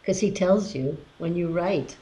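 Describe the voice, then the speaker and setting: A woman with a lowish, mellow voice adds short remarks to the conversation. She speaks softly and keeps each comment brief. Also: unhurried, low-quality recording. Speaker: participant in a group gathering. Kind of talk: casual group chat.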